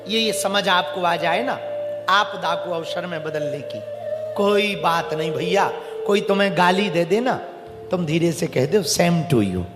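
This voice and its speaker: High, bright-voiced preacher in an echoey hall. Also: male voice, measured pace. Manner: animated, dramatizes dialogue, calls on the audience to repeat. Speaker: religious preacher. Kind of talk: devotional sermon with storytelling. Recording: echoey hall with faint music.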